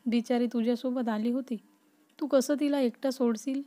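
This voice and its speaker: A woman's voice: on the high side, fairly even intonation, moderate pace, dark tone, natural voice. A woman voicing an eager young man with a crush in a storybook reading, talking in a friendly, persuasive way.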